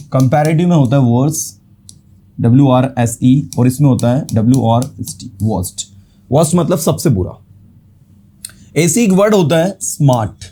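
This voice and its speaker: Teaching grammar at the board, this man blends Hindi with English and breaks words down syllable by syllable. He has a warm, medium-pitched voice, and there's a faint hiss or hum.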